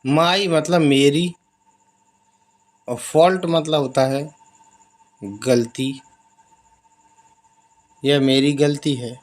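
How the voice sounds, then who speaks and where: A man teaching basic English in Hindi, explaining each example and repeating the phrases slowly. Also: a little high, fairly even intonation. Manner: slow, drawn-out repetition of example phrases.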